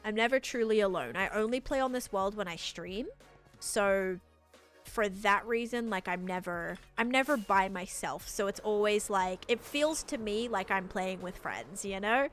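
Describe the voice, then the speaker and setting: A woman with a mid-pitched voice chats casually on a gaming livestream over music. She rambles as she thinks aloud and replies to viewers, her pitch and volume moving expressively. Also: moderate pace. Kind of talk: casual gameplay stream chat.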